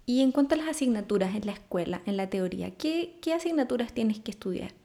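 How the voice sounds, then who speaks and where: A woman's voice: fairly high pitch, animated, quick pace, gravelly, dark tone. A woman interviewing a guest in Spanish, asking long, winding questions with small restarts.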